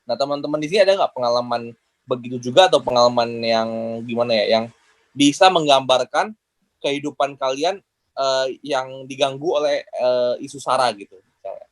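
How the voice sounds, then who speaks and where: A man's voice: mid-range voice, moderate pace. A male podcast host moderates the talk, circling around his questions with lots of fillers. The sound is dry and close, with no room echo. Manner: rambling questions with many fillers. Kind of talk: moderating a discussion.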